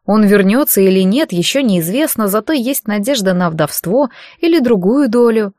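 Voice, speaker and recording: A woman reading a fantasy novel aloud as an audiobook narrator, with expressive storytelling. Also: medium pitch, moderate pace, no echo, studio quality. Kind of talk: scripted narration.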